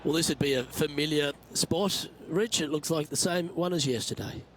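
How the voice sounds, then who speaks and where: A man calling golf shots as a play-by-play commentator in a calm, measured manner. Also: a little high, a little hiss or hum. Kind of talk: prerecorded video game sports commentary.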